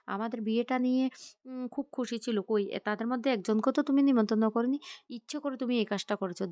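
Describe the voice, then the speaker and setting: A woman's voice: fairly high pitch, darkish tone, dry recording, lightly acted. A woman voicing a protective middle-aged husband who speaks firmly and indignantly.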